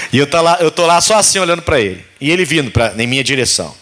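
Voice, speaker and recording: A man's voice: medium pitch, a little fast, slight background noise. A man preaching a sermon as pastor, telling stories and acting out the dialogue. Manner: animated storytelling preacher, acts out dialogue.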